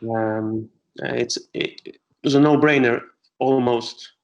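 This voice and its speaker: A middle-aged man from Greece, an astronomer answering interview questions with many pauses and restarts. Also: mid-range voice, steady tone, vocal fry, muffled recording. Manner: hesitant, many fillers and restarts.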